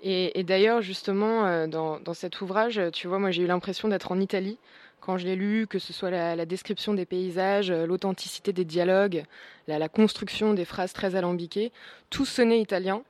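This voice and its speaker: A woman's voice: on the low side, moderate pace, darkish tone, dry recording. A young woman hosting a casual radio talk show, chatting about a book and interviewing a guest, with frequent fillers and restarts.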